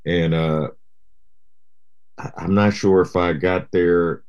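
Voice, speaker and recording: A middle-aged man from Japan, a guest rapper, chatting in an interview in a relaxed, rambling way full of "you know". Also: low-pitched, slow pace, clear, resonant tone, highs cut off. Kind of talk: casual interview chat.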